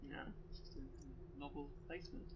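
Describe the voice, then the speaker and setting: Gravelly, laid-back man cursing over gameplay. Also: a little high, normal speed. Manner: laid-back, profane, dry. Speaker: let's play co-host. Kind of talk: casual gaming chat. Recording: muffled with steady hiss.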